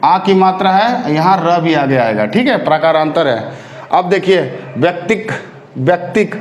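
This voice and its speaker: A man with a high-set voice teaches a spelling lesson for exam candidates. He repeats each word several times and keeps checking that his students follow along. The sound carries a noticeable room echo. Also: expressive, normal speed. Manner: drills correct forms, repeating words with frequent check-ins.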